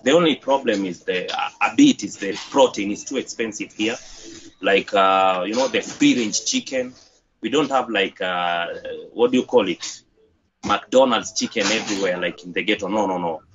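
A young Kenyan man with a Kenyan accent, talking haltingly in a casual interview over a headset on a video call. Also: fairly low pitch. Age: young adult. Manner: halting, with many fillers and restarts. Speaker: interview guest, gym owner. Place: outdoors by a corrugated metal wall. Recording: dull lo-fi video-call audio with faint noise.

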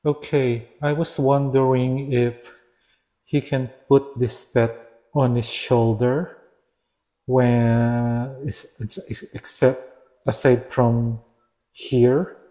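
Male collector reviewing figures; casual, halting, self-correcting, slow and warm-toned. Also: medium pitch, level tone. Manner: hesitant, restarts and corrects himself. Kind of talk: casual product review narration.

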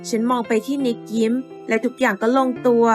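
A woman narrating a first-person animated cartoon story in a steady, even voice. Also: on the high side, fairly quick, faint music behind.

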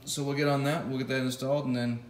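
A mid-range, flat-toned voice moves at a quick pace as this vlogger casually explains the wiring of the electric motorcycle he's building, thinking aloud with fillers and false starts. Recorded close on a phone in his home garage, the room echoes and a little hiss or hum comes through.

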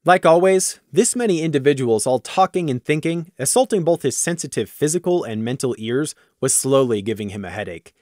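A man reading a fan audiobook aloud, expressive, trailing quiet at sentence ends. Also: medium pitch, a little fast, few pauses, dry recording, studio quality. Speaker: audiobook narrator.

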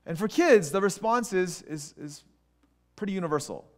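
A man preaching a sermon in a conversational, animated way, with quick restarts and acted asides. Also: sits high. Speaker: pastor.

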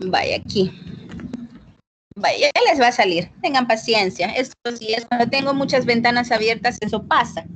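A woman's voice: fairly high pitch, normal speed, slight background noise. A woman teaching an online English class over a video call, chatty and full of fillers, checking in with her students. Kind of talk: casual online class explaining grading. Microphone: computer mic on a video call.

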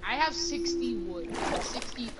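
A woman's voice: a little high, lively intonation. A young female co-player chatting casually and teasingly while playing a game. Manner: giggly, teasing, slow-talking. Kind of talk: casual gaming chat. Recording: loud music behind the voice. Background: game music.

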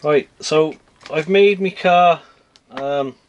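A man's voice: on the high side, slow, lo-fi sound. A man hosting a toy unboxing at a table indoors, bossy and teasing as he chats. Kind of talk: casual unboxing chat. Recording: noisy home camera recording.

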